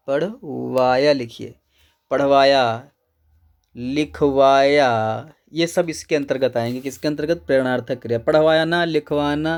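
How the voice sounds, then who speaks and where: Man teaching Hindi grammar step by step. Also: a little high. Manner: explains step by step, repeats key words, checks in with "ठीक है". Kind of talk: exam answer-key lecture.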